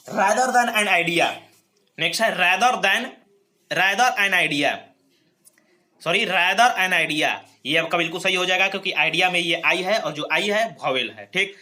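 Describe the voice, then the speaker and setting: A man with a high, very bright and piercing voice runs an exam-prep grammar lesson. He drills each rule and checks in with his students after almost every point. His delivery is explanatory and repetitive. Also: slow pace. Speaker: English grammar teacher. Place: recorded lesson video.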